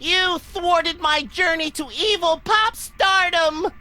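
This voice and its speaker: An actor playing a bratty, gleefully evil young prince of hell in a video game, with drawn-out, gloating delivery. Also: very high voice, bright, forceful tone, full character voice. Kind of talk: video game character acting. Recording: music behind the voice.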